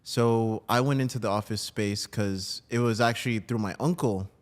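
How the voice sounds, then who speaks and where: A New Jersey man, a breathwork coach appearing as a podcast guest, talks casually about his own work. His voice is on the low side at a moderate pace.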